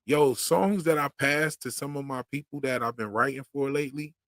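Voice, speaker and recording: A YouTube channel host runs his own livestream, speaking at normal speed in a medium-pitched, fairly bright voice on a dry recording. His casual talk is full of slang with a loose rhythm, and he recalls once stuttering heavily.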